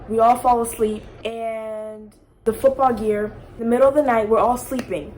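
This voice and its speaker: Young woman rambling thru a storytime, kinda high voice, lots of likes, faint hiss behind. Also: rough recording. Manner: chatty, lots of fillers, rambling asides. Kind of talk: casual storytime vlog.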